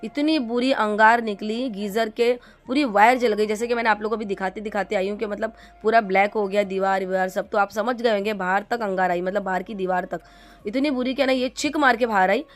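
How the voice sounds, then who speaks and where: A woman's voice: mid-range voice, fairly even intonation, fairly quick. A middle-aged woman from India telling a vlog story to her viewers, chatty and rambling with lots of fillers and restarts. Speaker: vlogger.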